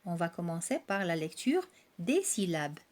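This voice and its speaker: A woman's voice: fairly low pitch, sing-song, a little mellow. A woman teacher giving a reading lesson for young children, sounding out syllables one by one and checking in with the class. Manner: slow and deliberate, spelling out syllables and checking with "d'accord?".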